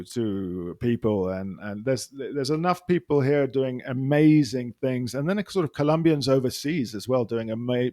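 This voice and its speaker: Recorded in a clean studio with no room sound, an Englishman with a London accent talks as a podcast guest. His medium-pitched voice has a darkish tone, and the casual interview chat rambles with plenty of restarts and fillers.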